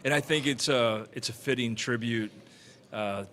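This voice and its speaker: A man co-hosting a fire service podcast, speaking in a steady, reflective way. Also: medium pitch, normal speed, slight background noise. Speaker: podcast co-host. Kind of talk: casual podcast chat.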